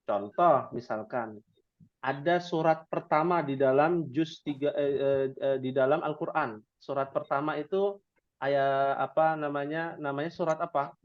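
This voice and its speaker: A man's voice: fairly high pitch, unhurried, highs cut off. A man teaching a Quran reading class, speaking with a light tinge and quizzing his students with playful questions. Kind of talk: interactive religious class.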